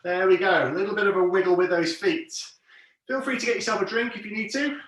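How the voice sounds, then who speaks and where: A man leads an exercise class with encouraging, plain step-by-step cues and counts, his voice high-pitched, fast and fairly bright. A distant mic in a very echoey room records him.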